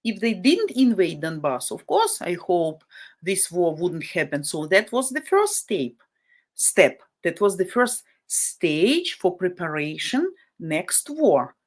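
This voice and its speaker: A woman from Ukraine hosts a casual live stream chat in a lowish, sing-song voice, speaking slowly. A native Russian speaker with a Ukrainian-Russian accent, she sounds blunt and indignant and often repeats herself for emphasis.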